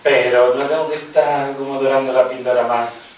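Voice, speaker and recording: A man's voice: mid-range voice, level tone, normal speed, darkish tone, very echoey. Male moderator, conversational, distant mic, faint background noise. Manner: conversational questioner with brief backchannels. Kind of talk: round-table discussion.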